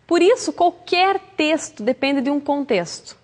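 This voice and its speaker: A woman's voice: sits high, animated, a little slow. A Brazilian woman teaching Portuguese for the entrance exam, explaining patiently and acting out example phrases. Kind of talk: recorded exam-prep lesson. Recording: long hall reverb.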